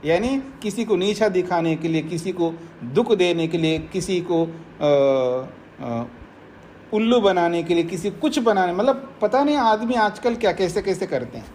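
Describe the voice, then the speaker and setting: A man's voice: sits high, lively intonation, unhurried, darkish tone, slight background noise. A man, a swami, giving a spiritual discourse, explaining points by repeating them and using everyday examples. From India. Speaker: swami teaching scripture.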